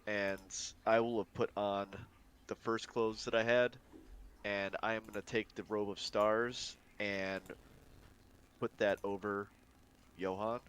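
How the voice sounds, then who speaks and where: A man playing a tabletop role-playing game, stating his character's actions deliberately. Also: on the low side, little pitch movement, a bit bright, clear, resonant tone. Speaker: player. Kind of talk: tabletop role-play session.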